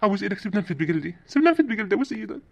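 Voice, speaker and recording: A man's voice: high voice, very animated, very fast, creaky, very noisy, exaggerated voice. A man voicing a cowardly, panicky sheikh in a comic cartoon, with an Egyptian accent and a pleading, jittery way of talking. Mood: begging. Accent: Egyptian Arabic. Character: cowardly middle-aged male sheikh, panicky. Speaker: sheikh called to drive out spirits.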